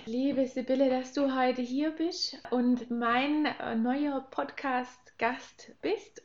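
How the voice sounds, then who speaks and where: A woman's voice: a little high, a little mellow, lo-fi sound. A woman hosting a podcast interview, greeting her guest with enthusiastic, friendly talk. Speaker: podcast host.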